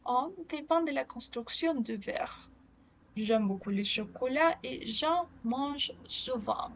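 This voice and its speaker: Woman, high pitch, unhurried, question-and-answer drills, slightly dull recording. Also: expressive. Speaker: French grammar teacher. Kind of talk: reading grammar drills.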